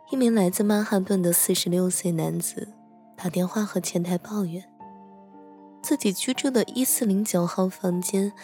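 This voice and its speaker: Over soft background music, a woman voices a soft-spoken, teasing hotel attendant who recounts a ghost story to a horror writer in this role-play audio drama. She speaks in a natural, mid-range voice, gently slowing and lowering to a hush when things turn eerie.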